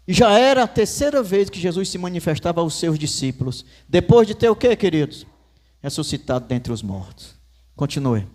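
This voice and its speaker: A man's voice: sits high, darkish tone. A man with a Northeastern Brazilian accent, a pastor preaching a sermon in church with folksy asides and storytelling.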